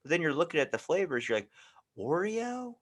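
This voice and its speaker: An American podcast host speaks in a fairly high, very animated voice with a somewhat bright tone and a slightly quick pace. In casual conversation, he tells rambling stories and acts out the quoted exchanges as he goes.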